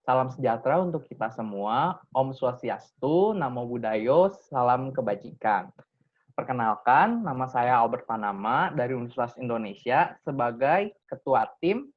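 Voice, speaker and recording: A man's voice: mid-range voice, expressive, moderate pace, narrow, tinny audio. Young man presenting an essay. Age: young adult. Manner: earnest, explains with frequent "nah" and "eh" fillers. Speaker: student presenter, team leader.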